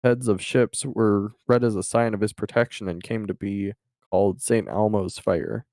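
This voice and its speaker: A man's voice: lowish voice, fairly even intonation, normal speed, a little mellow, no room sound. A young man co-hosting a casual podcast chat, musing in a loose, thoughtful way. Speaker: podcast co-host.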